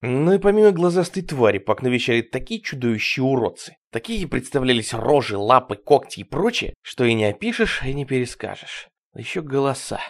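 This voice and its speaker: Guy reading a grim audiobook, dramatic and expressive. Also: mid-range voice, a little fast, hardly any pauses. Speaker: audiobook narrator. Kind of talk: scripted narration.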